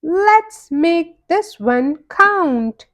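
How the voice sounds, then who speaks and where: Woman as high-pitched, upbeat Pete the Cat. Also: expressive, drawn-out words, fairly bright tone, full character voice. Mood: excited. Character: Pete, groovy, easygoing cartoon cat who sings. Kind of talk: children's storybook character voice.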